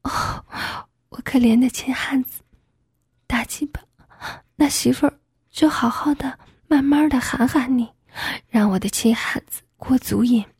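An eager wife breathes her lines in a hushed, husky whispered role-play, as a woman acts her out. She repeats herself with urgency, sitting a little high in pitch, and the sound is close and dry. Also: a little slow, pauses often, no room sound, heavily acted. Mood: coaxing.

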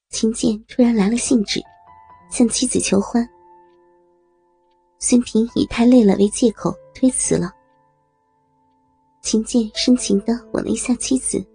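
A woman narrating an audio story with a steady, measured reading. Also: fairly high pitch, vocal fry, breathy edge, no echo. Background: faint music.

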